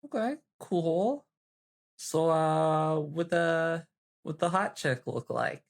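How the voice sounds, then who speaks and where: Her voice sits low and has vocal fry, yet she sounds animated even at a slow pace. She's a tabletop RPG player chatting in character off the cuff, flippant and slangy with plenty of hesitation.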